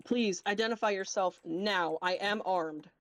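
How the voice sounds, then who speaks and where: A woman voicing a stern, wary male Warforged soldier in a tabletop game, with a low gravelly voice and formal, commanding speech. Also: unhurried, no echo, natural voice. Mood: stern challenge. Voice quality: deep, gravelly.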